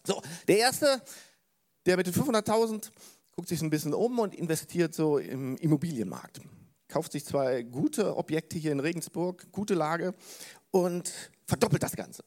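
A male pastor giving a sermon in a relaxed, storytelling way, often asking the congregation questions. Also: on the high side, moderate pace. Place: church service.

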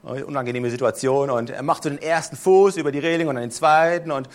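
Slightly high-voiced man preaching conversationally. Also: fast talker. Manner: conversational storytelling, checks in with the audience. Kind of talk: sermon.

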